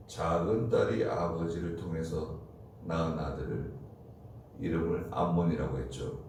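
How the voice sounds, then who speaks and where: A man preaching a slow, deliberate early-morning sermon as pastor, asking rhetorical questions. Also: sits low, a little mellow. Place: church. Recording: roomy, distant mic with faint noise.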